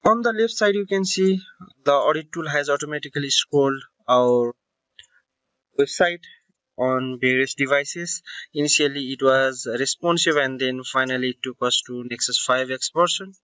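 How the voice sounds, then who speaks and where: A man's voice: mid-range voice, normal speed, pushed and bright, dry recording, dull audio. A man narrating a screen-recording tech tutorial, explaining step by step with fillers and self-corrections.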